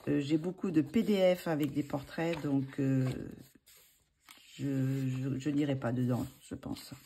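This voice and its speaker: Low, mellow-voiced woman chatting hesitantly. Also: a little hiss or hum. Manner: hesitant, many fillers and restarts. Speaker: channel host showing books for a giveaway. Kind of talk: casual chat.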